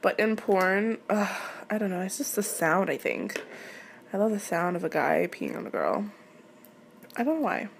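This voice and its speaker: A young woman in her late teens or early adulthood, a native French speaker from Quebec, Canada, answers listener questions as an audio creator. Her mid-range voice is sing-song and moderately paced, with vocal fry and a faint hiss or hum in the recording. She chats casually and hesitantly, candid, giggly and rambling.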